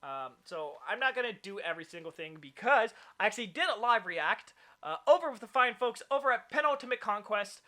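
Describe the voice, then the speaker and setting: A man hosts a casual gaming chat, and his voice sits a little high with a bright edge. He rambles along, stacking fillers and restarts, and perks up when something grabs him. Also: fairly quick. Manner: rambling, filler-heavy, excitable. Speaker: podcast host.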